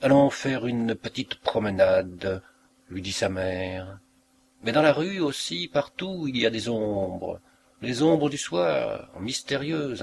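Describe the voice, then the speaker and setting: A man reading a literary short story aloud with a measured, expressive narration. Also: on the low side, creaky, a little hiss or hum. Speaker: audiobook reader.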